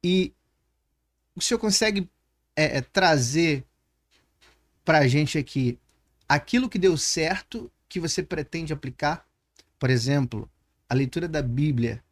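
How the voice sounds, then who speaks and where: Speaking at a measured pace with long pauses, a man with a fairly high, expressive voice and a Brazilian Portuguese accent hosts a podcast interview. His conversational questions are long and reflective, built up through examples.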